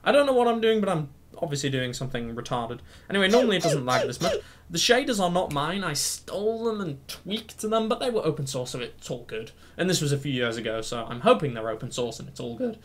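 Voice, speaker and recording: A wired man talks his way through a coding tutorial, his pitch bouncing all over the place. He rambles and pokes fun at himself, buzzing with energy-drink jitters. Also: lively intonation, a little fast, a little hiss or hum. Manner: hyper and rambling, self-mocking. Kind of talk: rambling screen-recorded tutorial chat.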